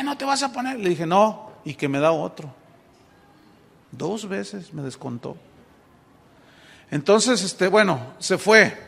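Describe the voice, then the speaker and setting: High-voiced gravelly preacher in a reverberant hall. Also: male voice. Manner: storytelling with acted dialogue, many restarts. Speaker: pastor. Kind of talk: sermon.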